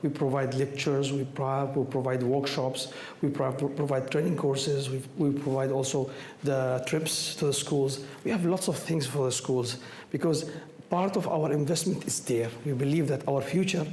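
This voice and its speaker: A cold has left this non-native English speaker hoarse and almost voiceless as he answers questions from the audience for an astronomy group. His pitch is medium and his tone steady and a little mellow, but he halts and repeats words and phrases. The recording comes from an echoey indoor room with an audience and some background noise.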